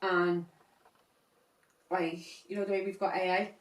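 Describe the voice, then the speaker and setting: A woman co-hosting a casual chat podcast, giggly and animated, recorded roomy and from a distance. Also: lowish voice, measured pace. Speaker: podcast co-host.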